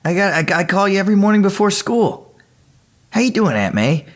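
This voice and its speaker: A man's voice: high voice, big pitch swings, brisk. A young man playing an earnest, awkward college student hero in an audio drama, hesitant and stammering. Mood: affectionate, rushed. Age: young adult. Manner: hesitant, stammering, self-effacing.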